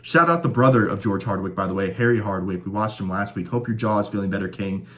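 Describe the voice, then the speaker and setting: A young man hosts a casual fight prediction show, his fairly low, slightly bright voice moving fast and a little stuffed up from a cold. Laid-back and joking, he rambles through the sports prediction chat with plenty of fillers.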